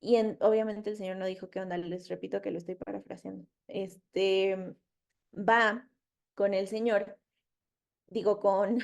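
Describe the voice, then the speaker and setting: A woman's voice: medium pitch, vocal fry, darkish tone. A woman teaching a casual Bible study, chatty and loose, quizzing her listeners as she retells the story in her own words.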